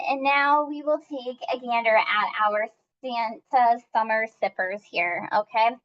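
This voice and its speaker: A woman's voice: on the high side, muffled recording. A woman leading a live-streamed cooking class, upbeat and chatty as she talks viewers through each step.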